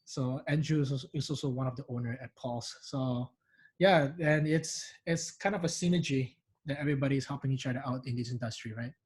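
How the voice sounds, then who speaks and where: A man's voice: medium pitch, fairly quick, darkish tone, breathy edge, low-quality recording. A man from Indonesia with a mixed Singaporean and Indonesian accent, chatting animatedly as an interview guest with many restarts. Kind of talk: casual interview chat.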